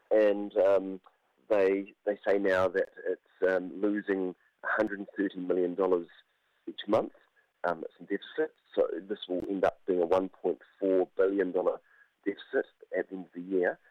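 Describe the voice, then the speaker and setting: A New man with a low voice, croaky from a cold, explains politics in a radio interview. He is measured and halting, picking through his points. The audio is dry and somewhat dull. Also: no echo. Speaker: political commentator, university academic. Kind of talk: spoken analysis in a radio interview.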